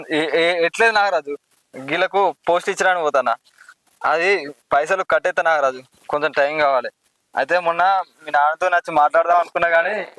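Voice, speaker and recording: A man with a Telangana Telugu accent playing a young village postman who pleads, defends himself and gets angry quickly. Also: a little high, close to an everyday voice, low-quality recording. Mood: pleading. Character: young male village postman, anxious about honour. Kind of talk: village drama acting.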